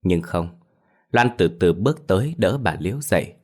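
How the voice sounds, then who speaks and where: A man narrating a ghost story in a steady, measured scripted telling. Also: low voice.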